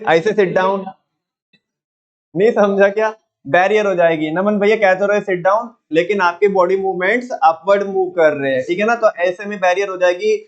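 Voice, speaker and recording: High-voiced man teaching a live class. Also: dull audio. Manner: call-and-response, quizzing students. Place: classroom with students.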